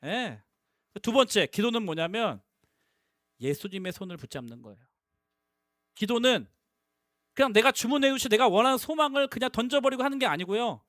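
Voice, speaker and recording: High, bright-voiced youth pastor preaching. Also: male voice, moderate pace, pauses often, no room sound, clean studio sound. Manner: animated, punchy, repeats key phrases. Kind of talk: sermon to middle-schoolers.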